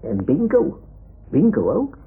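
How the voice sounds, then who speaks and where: In an old, muffled, phone-like recording with slight background noise, a man performs 1960s-70s Dutch radio drama as a self-important toy lion pretending to be a sea lion and retired sea captain. His exaggerated, rather high voice swings hugely in pitch, slow, making boastful, dreamy declarations.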